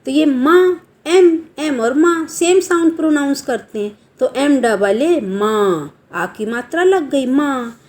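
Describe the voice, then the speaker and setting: Woman teacher, high and very animated voice, slow, patient quizzing delivery for children. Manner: slow, spells out letters, quizzes the students. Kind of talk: classroom grammar lesson for children.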